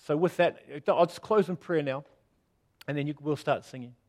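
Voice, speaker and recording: A middle-aged man preaching a sermon as pastor, earnest and self-deprecating, moving between loud appeals and hushed moments. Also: fairly high pitch, moderate pace.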